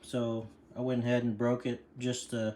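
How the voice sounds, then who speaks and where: A man's voice: medium pitch, monotone, moderate pace, mellow, slight background noise. Rambling man fixing a bike. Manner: rambling, full of fillers. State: breathing hard from leaning over. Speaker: bike mechanic demonstrating a repair. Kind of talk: casual how-to video.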